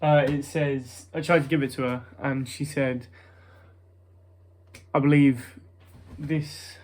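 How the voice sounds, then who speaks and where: A man's voice: medium pitch, steady tone, slow pace, darkish tone. A young British man with a nasal voice rambles casually to his vlog viewers, hesitant and self-conscious, often breaking off mid-thought. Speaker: vlogger.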